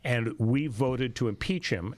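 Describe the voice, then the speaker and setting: A middle-aged American man hosts a radio talk show, talking conversationally about news and history. His mid-range voice is unhurried, and the close studio microphone picks up no room sound.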